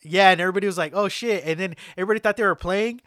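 A man's voice: high voice, very fast, a bit bright, smooth, no echo, clean studio sound. A young man hosting a podcast, chatting casually and rambling with lots of "like" and "man". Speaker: podcast host. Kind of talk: casual chat.

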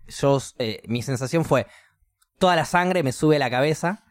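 A man's voice: mid-range voice, moderate pace, no echo, studio quality. A young man with a Rioplatense Spanish accent, chatting casually as a podcast co-host and acting out voices in his stories. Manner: animated storyteller, acts out voices. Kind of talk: casual chat.

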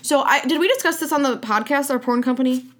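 A woman's voice: sits high, fast. A woman co-hosting a podcast, riffing and giggling through crude jokes in casual chat. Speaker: podcast co-host.

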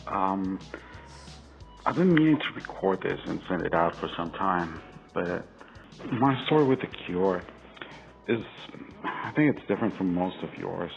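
Listener from Costa Rica, forties, measured storyteller with a very low voice, on a thin, phone-like recording. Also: male voice, expressive, creaky, over music. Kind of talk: recorded personal message. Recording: tinny lo-fi recording with faint hiss.

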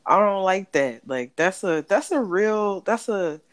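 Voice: medium pitch, lively intonation, a little slow. A speaker in casual podcast chat who restarts often and swears while working out an opinion.

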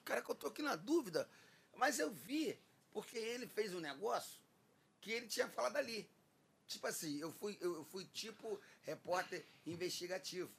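A man's voice: high voice, normal speed, creaky, a little hiss or hum. A man chatting casually on a podcast, telling stories and acting out the dialogue. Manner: animated storyteller, acts out quoted dialogue.

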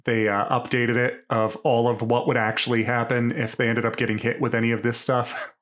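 Male podcast co-host, average pitch, joking movie banter. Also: flat delivery, fairly quick, fairly bright tone. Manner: joking, riffing. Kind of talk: casual film banter.

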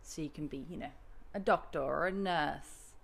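A woman's voice: sits low, normal speed, vocal fry. A woman in her late twenties hosting a podcast, chatty and laughing often in casual conversation. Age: 20s. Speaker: podcast host. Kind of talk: casual chat.

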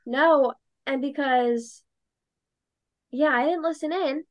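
Chatty young woman, slightly high voice. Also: slow, dull audio. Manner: chatty, acts out past conversations, many likes. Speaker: guest, dancer and podcaster. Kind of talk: casual interview chat.

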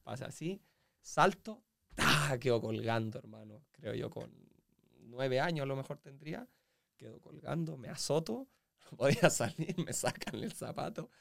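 Gravelly Chilean man telling stories. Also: mid-range voice, moderate pace. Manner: animated storyteller with sound effects and acted-out quotes. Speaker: guest, professional footballer. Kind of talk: casual interview storytelling.

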